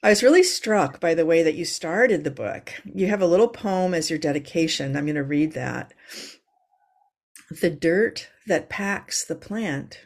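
A woman speaking as a host, introducing an interview in a measured, articulate delivery. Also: deep voice, expressive, darkish tone. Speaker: podcast host.

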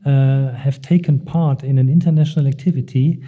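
A man, a non-native English speaker, answering interview questions in a hesitant, halting way, searching for words as he explains his work. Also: mid-range voice, steady tone, highs cut off. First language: not English. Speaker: interview guest working in European youth work.

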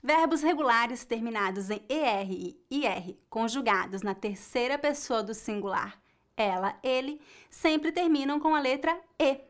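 A woman with a Brazilian accent giving a scripted language lesson, explaining slowly and clearly for learners. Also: fairly high pitch, expressive. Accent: Brazilian Portuguese. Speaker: Portuguese teacher.

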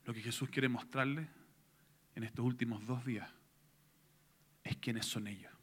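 A man preaching a sermon, retelling a story and swinging between hushed tones and loud, intense passages. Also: mid-range voice, fairly even intonation, moderate pace.

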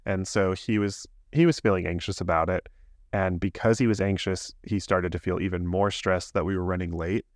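A man's voice: sits low, fairly even intonation, moderate pace, no echo, clean studio sound. A man in his thirties, a podcast co-host, telling a candid, rambling story in casual chat.

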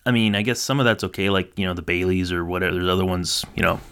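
A man's voice: low voice, rapid-fire, a bit bright, clear, resonant tone. A man co-hosting a casual podcast, talking hesitantly with lots of fillers and restarts. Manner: hesitant, filler-heavy, self-deprecating. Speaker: podcast co-host. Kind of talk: casual chat.

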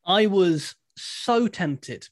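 A man's voice: high voice, animated, very slow, no room sound, clean studio sound. A man co-hosting a casual podcast, talking with enthusiasm and emphasis. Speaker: podcast co-host.

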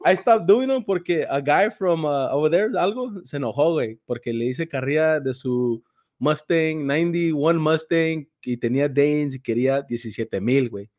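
A man's voice: a little high, moderate pace, a little mellow. A man with a Chicano accent chatting casually, mixing Spanish with English slang and telling stories full of swearing. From Mexican-American, California. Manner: slangy, profane, storytelling.

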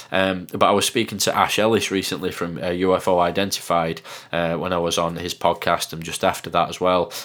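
Male podcast host, northern English accent, low deep voice, casual rambling delivery. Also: fairly bright tone. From northern England. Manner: rambling, many fillers and restarts. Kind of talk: casual monologue.

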